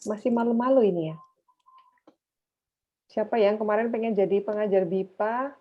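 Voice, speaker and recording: A woman's voice: mid-range voice, normal speed. A woman with an Indonesian accent moderating a webinar informally, dropping in English phrases. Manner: mixes English phrases into speech. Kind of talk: chatty, informal hosting. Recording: dull, lo-fi online call.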